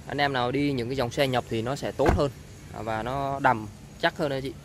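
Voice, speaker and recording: A man giving an informal, halting sales walkaround of a used car, often repeating himself. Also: mid-range voice. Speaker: used-car seller presenting a car. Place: outdoors on a street beside a car. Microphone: handheld camera, speaker behind it. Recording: outdoor ambient noise.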